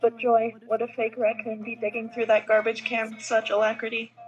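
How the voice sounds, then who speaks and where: Woman doing a very monotone, earnest robot. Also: on the high side, brisk, lightly acted. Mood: curious, earnest. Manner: flat monotone, formal and precise wording. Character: literal-minded, earnest robot, a soulless automaton. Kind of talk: reading a video game role aloud. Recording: slightly dull audio, music behind.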